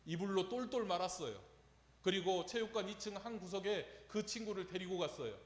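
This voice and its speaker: Here a pastor's high voice moves fairly quickly as his sermon tells a story and puts rhetorical questions to the congregation. The recording comes from an echoey church sanctuary with long reverb.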